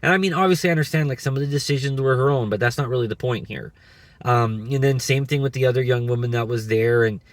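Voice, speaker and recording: A man in his thirties giving an earnest, halting faith testimony, often restarting his sentences and encouraging listeners to pray. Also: medium pitch, no room sound. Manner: earnest, repetitive, many restarts. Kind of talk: personal testimony and exhortation.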